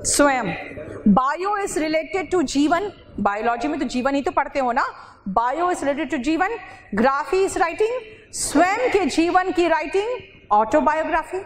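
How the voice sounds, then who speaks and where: A high-pitched woman teacher lectures in a classroom, quizzing her students and answering her own questions. English phrases run through her explanations. Her voice rings with a long reverb, and a faint hiss sits underneath. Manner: asks students questions and answers them herself. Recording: reverberant hall with faint noise.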